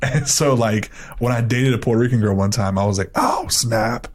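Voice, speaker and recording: A man's voice: mid-range voice, normal speed, slight background noise. A young man from Miami co-hosting a podcast, telling stories in a rambling way with lots of filler words. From Miami, Florida. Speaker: podcast co-host. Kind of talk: casual podcast chat.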